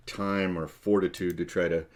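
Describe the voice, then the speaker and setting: A man co-hosting a casual live-stream chat show, playful and quick to laugh. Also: deep voice. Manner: playful, laughs often, animated. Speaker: co-host.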